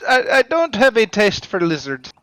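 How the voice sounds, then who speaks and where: A man's voice: sits high, sing-song, normal speed, fairly bright tone, clear, resonant tone, dry recording, rough recording. A man playing his character in a tabletop game, talking sternly and commandingly in first person. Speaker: player.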